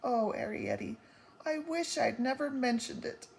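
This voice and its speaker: A woman reading aloud and voicing a small, anxious mother who frets and weeps, speaking high and emphatically. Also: unhurried, vocal fry, darkish tone, a little hiss or hum, rough recording. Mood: fretful. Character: anxious, tearful tiny mother, fretful and excitable.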